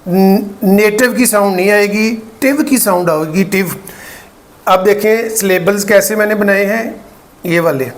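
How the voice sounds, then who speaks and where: A man from Pakistan with a Pakistani Urdu accent, teaching English pronunciation and slowly repeating each word for practice. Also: sits high. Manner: slow, deliberate, repeats words for drill; explains patiently, checks in with "ठीक है". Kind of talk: pronunciation lesson.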